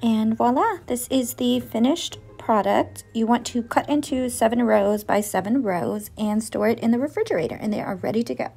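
A woman's voice: on the high side, moderate pace, vocal fry, few pauses, warm tone, breathy edge. A woman hosting a baking vlog at home, chatting through each step in a casual voice-over. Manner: chatty, walks through steps one by one. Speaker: baking channel host. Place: home kitchen.

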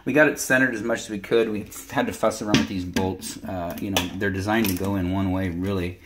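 A man's voice: sits low, steady tone, brisk, very noisy. A middle-aged man working as a plumber, casually explaining a job step by step with plenty of fillers, recorded on a handheld phone in a bathroom. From California. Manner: practical, explanatory, many fillers. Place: indoor bathroom.

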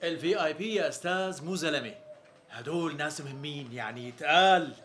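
An actor with a Syrian accent playing a meddling young tailor's apprentice who cheekily butts in. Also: male voice, fairly high pitch, fairly quick, a bit bright, a little hiss or hum, close to an everyday voice. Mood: cheeky. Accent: Syrian Arabic. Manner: cheeky interjecting.

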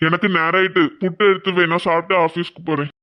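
A woman voicing a calm family father in a cartoon, with a brief, matter-of-fact way of talking. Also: lowish voice, quick pace, muffled recording, pitched below the performer's own voice, close to an everyday voice.

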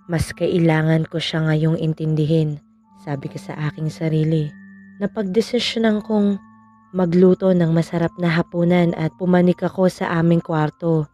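Mellow woman narrating a horror story. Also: fairly low pitch, lo-fi sound. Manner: calm, measured first-person telling.

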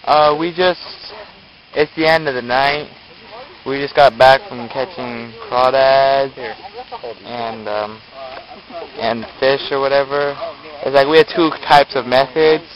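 Slow-talking young man filming himself. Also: mid-range voice, muffled recording. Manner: relaxed, halting, many ums and uhs. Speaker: vlogger filming a camping trip. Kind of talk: casual handheld video diary. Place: car, store, campsite outdoors, tent at night. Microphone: camera held at arm's length. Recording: noisy handheld camcorder audio.

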